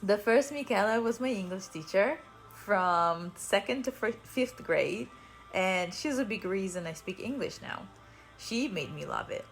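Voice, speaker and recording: A woman hosts a podcast, telling casual personal stories in a chatty, self-deprecating way. She's a native Italian speaker from Italy with an Italian accent, and her mid-range voice has lively intonation and a slightly slow pace over soft background music.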